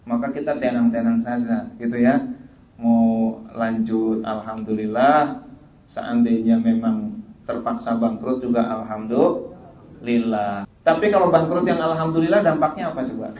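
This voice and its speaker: A man giving an Islamic sermon in a lively, animated way, often acting out the voices of the people he quotes. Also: mid-range voice. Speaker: Islamic preacher. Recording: echoey room.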